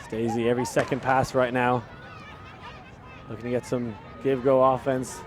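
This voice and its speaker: An Irish man calling a live ultimate-style game from the sideline, with an average pitch and an easy, chatty flow. His voice climbs in excitement on big plays. A faint hum of outdoor noise sits behind him. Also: normal speed, some chatter behind. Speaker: commentator. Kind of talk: live sports commentary.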